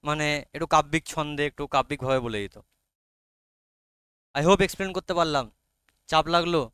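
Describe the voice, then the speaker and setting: A man's voice: a little high, sharp tone, smooth, dry recording. A man with a Bengali accent teaching a literature class, explaining each line and checking often whether his students follow. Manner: reads English lines very slowly.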